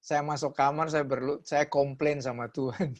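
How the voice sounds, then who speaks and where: A man preaching a personal testimony over a video call. He tells the story vividly and acts out quotes, dropping his voice low and then rising loud. He sounds like a pastor speaking to his congregation. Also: fairly even intonation, moderate pace. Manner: storytelling with acted quotes, shifting loud and soft.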